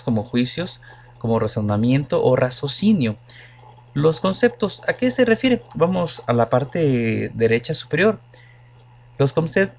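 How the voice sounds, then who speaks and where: Patient man teaching a lesson. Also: mid-range voice. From Mexico. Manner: patient explaining with many examples and questions to the class. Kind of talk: recorded lecture to students.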